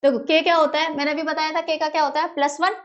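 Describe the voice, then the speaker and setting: A woman's voice: sits high, level tone, quick pace, lo-fi sound. A woman explains chemistry step by step at a whiteboard. She addresses her students fondly as "beta", repeats each key term several times, and poses a question before answering it herself. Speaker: chemistry teacher.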